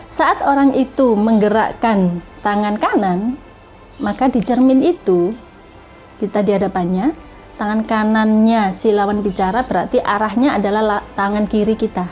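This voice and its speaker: A woman giving a calm, measured self-development lesson and explaining with spoken examples. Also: mid-range voice.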